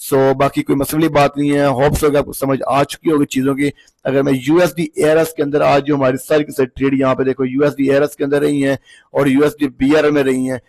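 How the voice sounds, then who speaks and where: A man with a slightly hoarse voice from long talking, giving a casual, chatty trading lesson while walking through a chart on screen and checking in with the viewer often. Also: medium pitch, darkish tone. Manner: chatty, repeats checks like "okay ji" and "look". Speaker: trading instructor.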